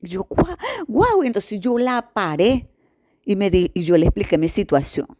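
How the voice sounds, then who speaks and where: A middle-aged woman with a Venezuelan accent giving a personal testimony, animated and acting out the voices of the people in her story. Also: lowish voice, normal speed. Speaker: testimony giver.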